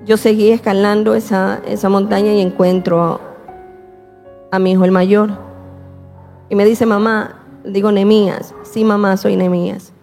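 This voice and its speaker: Gravelly-voiced woman giving a testimony. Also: mid-range voice, level tone, darkish tone, long reverb tail, soft background music. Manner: slow, repeating herself, quoting prayers. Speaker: guest telling her testimony. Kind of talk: emotional personal testimony.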